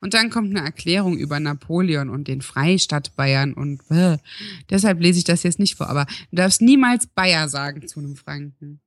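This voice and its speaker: A woman's voice: low voice, expressive, normal speed, dry recording. A woman co-hosting a podcast in casual chat, reading rules aloud with amused dry asides and frequent laughs. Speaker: podcast co-host.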